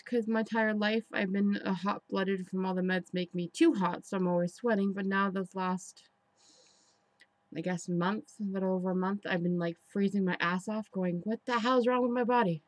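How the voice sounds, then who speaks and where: A woman giving a candid, rambling confessional vlog, sounding frustrated and halting as she talks indoors. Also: medium pitch, darkish tone, no echo. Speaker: personal vlogger. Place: indoors in an apartment.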